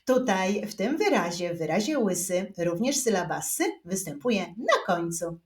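A woman teaching young children to read, speaking slowly and clearly and drawing out each syllable. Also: medium pitch, very animated. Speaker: reading teacher. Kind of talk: slow children's reading lesson. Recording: roomy echo.

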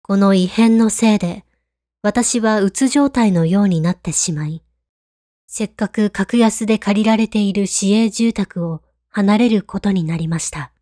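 A woman reading a scripted horror story in a hushed, calm, creepy storytelling manner. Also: medium pitch, measured pace, no echo, clean studio sound. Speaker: ghost story narrator.

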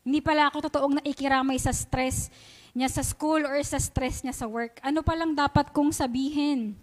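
Filipino woman preacher, high voice, chatty sermon full of questions to the congregation. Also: fairly even intonation, normal speed. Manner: conversational, asks the congregation questions, mixes English into Tagalog. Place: church sanctuary.

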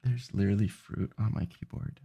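Tired, gravelly-voiced male streamer. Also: lowish voice, a little fast, background noise. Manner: rambling, self-interrupting, tired. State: sleepy. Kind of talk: casual late-night stream chat.

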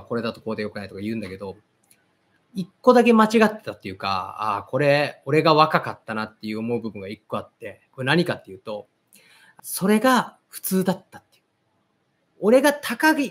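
A man in his thirties hosting a football channel, talking casually and reflectively in a mix of plain and polite speech. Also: on the high side. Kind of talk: casual commentary talk.

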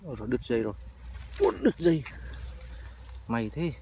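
A man's voice: medium pitch, lively intonation, normal speed, dark tone. Chatty man, frog fishing. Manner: chatty, addresses viewers as family. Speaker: vlogger. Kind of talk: casual outdoor narration. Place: outdoors in rice fields. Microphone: handheld phone or body camera. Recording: noisy outdoor field recording.

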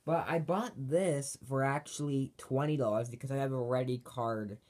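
A man's voice: medium pitch, fairly even intonation, moderate pace, a little mellow. A man giving a casual, unscripted product review as an online reviewer, rambling and repeating and correcting himself as he goes. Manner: rambling and repetitive, with self-corrections. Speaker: reviewer of Halloween props on his own channel. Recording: amateur home video with background noise.

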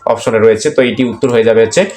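A man's voice: on the low side, rapid-fire, darkish tone. A man with a Bangladeshi accent teaching an exam-prep lesson, explaining each answer step by step and repeating questions, with frequent "aah" fillers. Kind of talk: screen-recorded lesson walking through quiz answers. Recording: echoey room, faint background noise.

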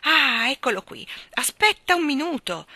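Woman playing a courteous crowned lion, gentle manner, raised pitch. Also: very animated, moderate pace, no room sound, heavily acted. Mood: polite.

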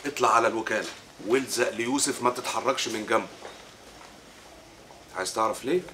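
A fast-talking Egyptian man taking charge. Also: lowish voice, bright, forceful tone, slight background noise. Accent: Egyptian Arabic. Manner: insistent, soothing. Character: man taking charge, calming a distressed woman. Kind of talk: TV drama acting. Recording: music score underneath.

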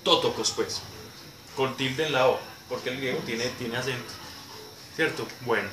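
A man's voice: mid-range voice, steady tone, normal speed. A man teaching a Bible class who explains terms patiently and repeats key words for emphasis. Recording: echoey room, distant mic, noisy background.

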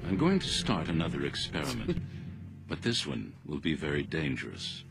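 A scheming scientist father in a video game. His voice sits extremely low with a rough gravel, and it swings widely between words in an ominous, measured way. Game music plays clearly behind him. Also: wildly swooping pitch, exaggerated voice.

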